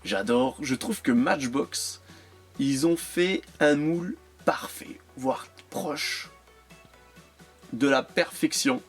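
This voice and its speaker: A man's voice: a little high, slow, slightly rough, faint music behind. A man chatting casually while unboxing and reviewing his die-cast toy cars, hesitant and full of repeated words. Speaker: toy car collector vlogger.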